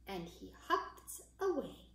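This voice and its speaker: A woman's voice: mid-range voice, big pitch swings, slow pace, slight background noise. A woman reading a picture book aloud to children, chatty and encouraging as she invites them to get comfy. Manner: warm, chatty and encouraging to young listeners. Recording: echoey room.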